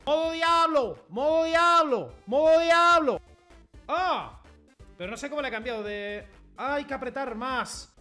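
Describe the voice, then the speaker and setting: A man giving excitable gameplay commentary from his bedroom at home, with loud outbursts, swearing and repeated catchphrases. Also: high-pitched. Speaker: gaming streamer.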